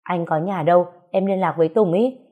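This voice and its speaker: A woman's voice: lowish voice, brisk, phone-quality sound, lightly acted. Woman voicing an easygoing, reassuring man. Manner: casual, reassuring.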